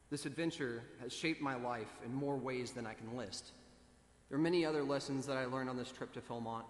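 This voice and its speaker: Earnest teenage boy in echoey chapel. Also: medium pitch. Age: teens. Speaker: student speaker. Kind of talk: prepared speech read aloud. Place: large chapel. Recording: echoey chapel with long reverb.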